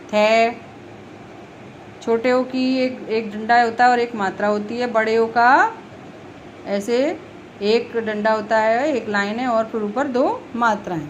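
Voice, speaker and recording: Slow, patient woman teaching children. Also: a little high, fairly even intonation, lo-fi sound, a little hiss or hum. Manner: slow, patient, repeats letters and example words. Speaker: primary school teacher. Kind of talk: explaining Hindi grammar to young children.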